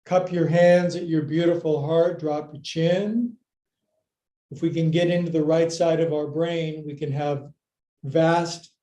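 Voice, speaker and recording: A man's voice: fairly high pitch, mellow. A man teaching a live yoga class, cueing moves with playful jokes and counts. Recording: echoey room.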